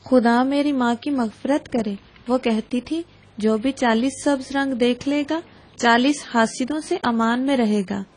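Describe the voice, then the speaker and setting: An actress dubbing a sharp-minded woman in a film drama, speaking in a questioning, earnest way. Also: on the high side, slightly rough.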